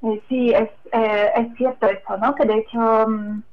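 A woman being interviewed about her translation work, talking casually and haltingly, with many fillers and tag questions. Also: fairly high pitch, level tone. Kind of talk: casual radio interview answers. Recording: dull lo-fi audio.

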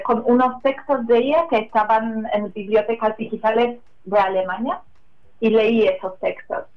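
A woman being interviewed about her translation work, talking casually and haltingly, with many fillers and tag questions. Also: a little high. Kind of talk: casual radio interview answers. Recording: dull lo-fi audio.

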